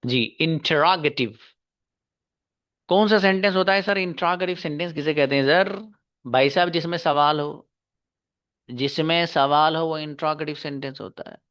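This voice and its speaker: A male teacher giving an online English grammar class, patiently repeating key slowly and calling on pupils one by one. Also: on the high side, fairly bright tone, clean tone.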